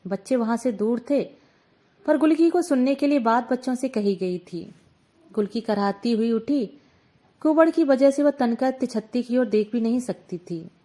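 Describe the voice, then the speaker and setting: Female storyteller, expressive read-aloud narration, voice a touch high. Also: moderate pace. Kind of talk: scripted narration of a short story.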